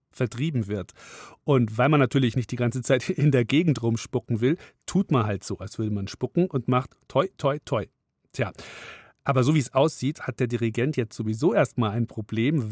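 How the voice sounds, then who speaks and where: A man's voice: mid-range voice, darkish tone, no room sound, studio quality. A man hosting a children's radio show, talking directly to the kids in a friendly way. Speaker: host.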